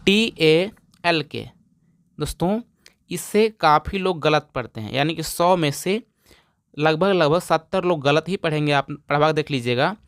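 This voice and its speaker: Slow, clear male teacher. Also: on the high side, fairly bright tone, dry recording, clean studio sound. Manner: spells out letters slowly, repeats words for students. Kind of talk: phonics lesson.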